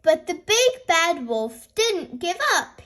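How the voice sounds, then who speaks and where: High-pitched woman reading a fairy tale aloud. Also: very animated, takes it slowly, sharp tone. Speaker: host reading stories aloud for small children. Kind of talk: fairy tale opening, storybook read-aloud narration for children.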